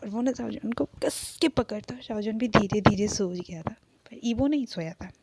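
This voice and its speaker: A woman retelling a fan fiction story in a loose, chatty way, padding her sentences with filler words. Her voice sits at an ordinary middle pitch for a woman. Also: normal speed, heavy background noise.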